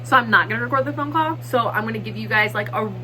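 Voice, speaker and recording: A young woman vlogging in a casual, excitable way, chatting quickly and nervously with frequent laughs. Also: on the high side, background noise. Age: young adult. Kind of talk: casual vlog chat.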